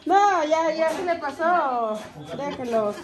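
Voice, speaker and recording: A Mexican woman with a very high voice that swings widely, chatting casually as she films her family on a phone. She teases and coaxes, and steady background noise runs under her voice. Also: unhurried. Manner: teasing, laughing, coaxing. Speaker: vlogger filming her family. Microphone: phone camera held while filming.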